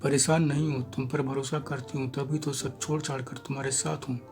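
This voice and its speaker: A man reading an audio story, voicing a nervous young woman who pleads in hushed tones. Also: mid-range voice, flat delivery, brisk, soft background music, close to an everyday voice. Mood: anxious. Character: anxious young woman eloping at night.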